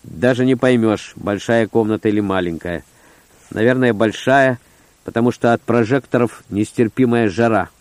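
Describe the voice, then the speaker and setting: This is first-person audiobook narration from a man with a lowish, slightly mellow voice at normal speed. He reads the story in clipped, gritty, terse phrases, and the recording is dry.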